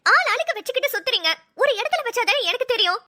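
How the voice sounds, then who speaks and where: Cartoon role: stressed young mom, voiced by a woman, very high, bright and exasperated. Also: animated, fast talker, full character voice. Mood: irritated. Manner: exasperated, scolding complaints. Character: young mother, harried and quick to irritation. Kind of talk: cartoon voice acting.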